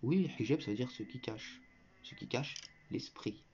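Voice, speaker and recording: A man with a mid-range, darkish voice delivers a combative religious commentary to viewers at a moderate pace. Scornful and lecturing, he talks directly to the listener and breaks out in mocking laughter. The muffled lo-fi audio carries a little hiss or hum.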